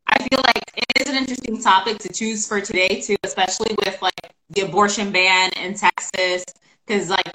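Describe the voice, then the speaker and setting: A woman's voice: medium pitch, pushed and bright, rough recording. A woman co-hosting a casual chat show over a video call, chatty and opinionated, leaning on "like" a lot. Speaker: podcast co-host.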